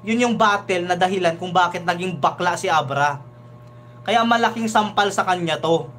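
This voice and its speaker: A man with a fairly high voice gives animated live reaction commentary. He keeps asking "di ba?" as he goes, and a faint hum runs under his voice. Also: moderate pace. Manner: animated, chatty, often asks "di ba?". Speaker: reaction video host.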